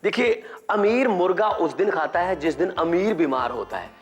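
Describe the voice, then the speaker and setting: An Indian man delivers a stand-up comedy routine with animated energy, his voice sitting fairly high for a man. He slides into little character voices to land his jokes. Faint music plays underneath. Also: normal speed. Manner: animated, mimics characters mid-joke.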